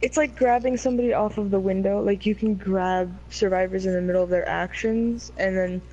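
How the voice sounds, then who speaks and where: A woman's voice: medium pitch, fairly even intonation, brisk, dark tone. A woman playing a game with friends, teasing them and explaining how the game works. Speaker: fellow player. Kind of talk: casual gameplay chat. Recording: dull mic with faint hiss.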